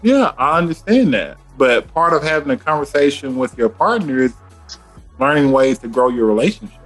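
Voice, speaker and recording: A man hosting a casual podcast chat, animated and laughing, often tagging his points with "okay?". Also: mid-range voice, moderate pace, soft background music. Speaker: podcast host.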